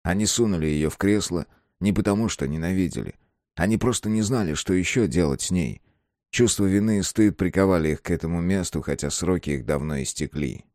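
A man reading a horror novel aloud in a slow, measured, somber way. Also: low-pitched, darkish tone, no room sound, clean studio sound. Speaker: narrator. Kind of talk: audiobook reading.

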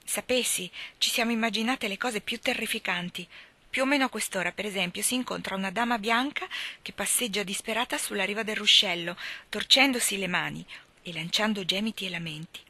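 A woman's voice: mid-range voice, fairly quick, bright, forceful tone. A woman voicing a chatty, imaginative orphan girl who talks eagerly and dramatically. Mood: dramatic. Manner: eager, dramatic, breathless storytelling.

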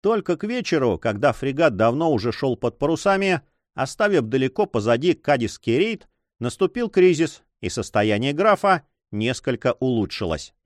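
A man narrating an audiobook story in an expressive storytelling manner. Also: medium pitch, normal speed, dry recording, studio quality. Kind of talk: scripted narration.

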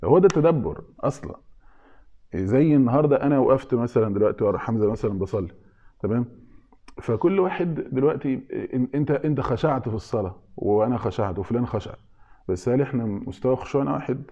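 Egyptian guy teaching religion, rattles along super fast, keeps asking "what?" and answering it himself, muffled recording. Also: mid-range voice, animated, warm tone. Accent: Egyptian Arabic. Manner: asks questions of listeners and answers them himself. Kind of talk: informal religious lesson.

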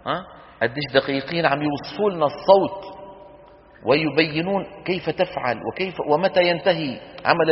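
A middle-aged man leads a recitation class, his slightly high voice pausing to quiz students and demonstrate each sound. The recording is dull, with a long hall reverb around him. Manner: asks students quick questions and answers them himself, demonstrating sounds aloud. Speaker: Quran recitation teacher. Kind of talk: classroom lecture with questions to students.

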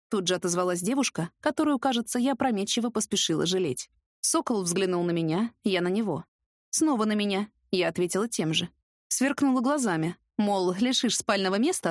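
A woman narrating an audiobook in the first person, lively and sarcastic, with an expressive delivery. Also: medium pitch, dry recording, clean studio sound.

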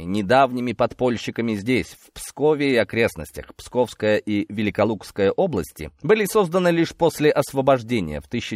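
A man narrates an audiobook in a measured, expressive storytelling style, reading from a script. His pitch is medium, and the studio-quality recording is dry.

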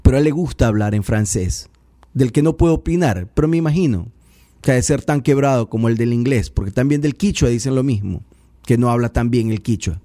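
Male political commentator, mellow low timbre, dry close sound, sarcastic and pedantic. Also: expressive, brisk, no room sound. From Ecuador. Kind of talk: radio-style political commentary.

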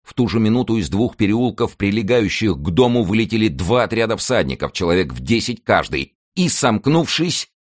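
A man giving expressive, dramatic audiobook narration in a measured way. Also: lowish voice, no echo, clean studio sound.

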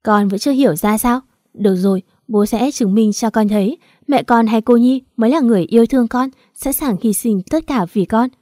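A woman's voice: a little high, brisk, warm tone, no echo, studio quality, natural voice. A woman reading the lines of a remorseful father who reproaches his young daughter in a pleading tone. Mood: reproachful.

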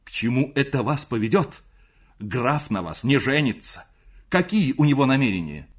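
A man's voice: mid-range voice, very animated, moderate pace, slightly rough, voice pushed up. A man playing a desperate, pleading young suitor in an audiobook reading, speaking with raised passion. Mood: bitter.

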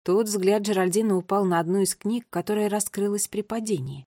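A woman's voice: medium pitch, brisk, no echo. Woman reading a children's story, dry sound. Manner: dramatic, lively storytelling. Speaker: audiobook reader. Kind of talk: scripted narration.

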